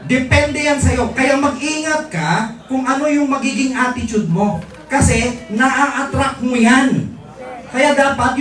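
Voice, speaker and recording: A man's voice: extremely high pitch, fairly bright tone. A middle-aged man, giving a live motivational seminar talk to distributors, teasing the audience and asking rhetorical questions. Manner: teasing, jokes with the crowd, asks rhetorical questions. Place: large indoor event hall. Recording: echoey hall from far off, faint crowd. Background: faint audience noise.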